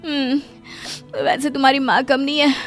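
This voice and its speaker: A woman's voice: high-pitched, flat delivery, normal speed, fairly bright tone, soft background music. A woman voicing a young daughter-in-law with a cold, pleading and complaining, in a cartoon story.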